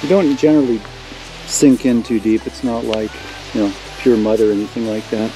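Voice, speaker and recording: Strolling through woods and swamp, the older homesteader vlogger points out what he sees in a laid-back, meandering narration. He talks at a moderate pace in a mid-range voice, with music in the background and poor audio quality.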